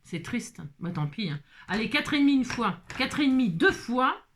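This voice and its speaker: A woman with a high, light voice walks through a card-making tutorial in a loose, casual way. She is playful and teasing and keeps chatting directly to the people watching. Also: sing-song, normal speed, a little hiss or hum. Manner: playful, teasing, chatty, talks straight to viewers. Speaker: papercraft vlogger.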